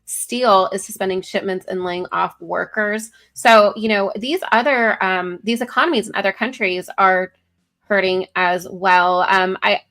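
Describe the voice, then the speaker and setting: Woman, co-host, bright tense voice, casual political chat, reads articles aloud, lots of ums. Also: medium pitch, steady tone, a little slow. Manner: many "um" fillers, self-corrections while reading.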